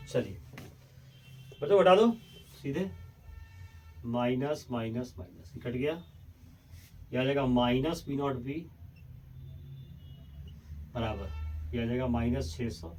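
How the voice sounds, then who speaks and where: A man's voice: medium pitch, takes it slowly, long pauses, a little mellow. A man teaching a chemistry lesson, working through problems step by step, coaxing his students and drifting away from the mic as he writes. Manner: addresses students as children, coaxing and repetitive; moves away from the mic while writing, voice fading in and out. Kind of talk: blackboard lecture solving problems. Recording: voice from a distance, faint room noise.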